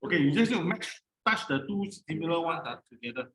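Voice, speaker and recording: In a roomy, echoing space, a man with a Singaporean accent coaches a player through a brain game using short, repeated, encouraging instructions given casually one step at a time. His fairly high voice is expressive, a bit bright and quick.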